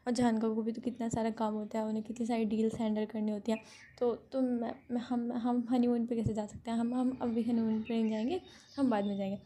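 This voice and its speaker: Give me a flustered stammering young man, voiced by a woman, soft and a bit high. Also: level tone, a little fast, a little hiss or hum, lightly acted. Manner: stammering, hesitant.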